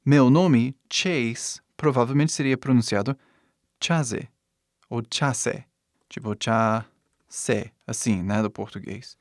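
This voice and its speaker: A man's voice: medium pitch, vocal fry, darkish tone, no echo, clean studio sound. A male teacher, explaining pronunciation in a video lesson and checking in with "né?" as he goes. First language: English. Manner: explanatory, frequent "né?" and "tá?" tags. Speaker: English teacher.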